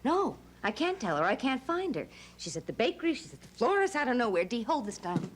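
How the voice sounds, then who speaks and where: A woman's voice: fairly high pitch, sing-song, fairly quick. An actress playing a young woman storming out on her father, sarcastic and agitated. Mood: bitter. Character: young woman, defiant daughter walking out. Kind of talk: 1970s TV soap acting. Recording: noisy old TV broadcast.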